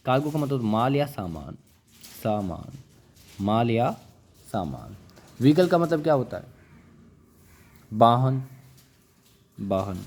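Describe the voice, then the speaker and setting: A man's voice: mid-range voice, very animated, slow pace, pauses often, a little mellow. A male teacher giving a classroom lecture. He repeats each word and quizzes his listeners with questions, coaxing them along and calling them brother and child. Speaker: English vocabulary teacher.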